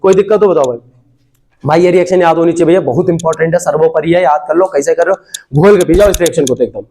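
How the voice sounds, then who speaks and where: A man's voice: fairly high pitch, fast, mellow. A man teaching a chemistry class to students, casual and joking, constantly asking whether they understood.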